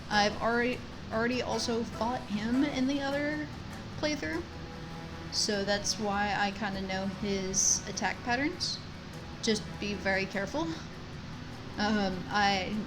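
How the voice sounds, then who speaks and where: A woman's voice: medium pitch, rough recording. A woman giving casual, self-deprecating commentary while she plays a video game, chatting to the characters. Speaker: gamer commentating a playthrough. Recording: game music behind voice. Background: video game music.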